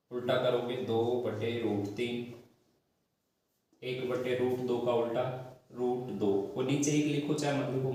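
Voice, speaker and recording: A man's voice: mid-range voice, darkish tone. A man teaching a math class, explaining step by step with patient repetition and addressing his students fondly. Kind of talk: classroom lesson. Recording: very echoey room, distant mic.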